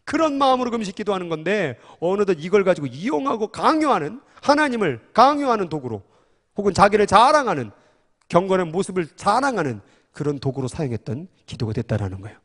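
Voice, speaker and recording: A male pastor with a high, ringing voice preaches fervently. His emphatic words spill out in passionate bursts, and a long reverb trails every phrase. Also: very animated, fairly quick, fairly bright tone. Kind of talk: sermon.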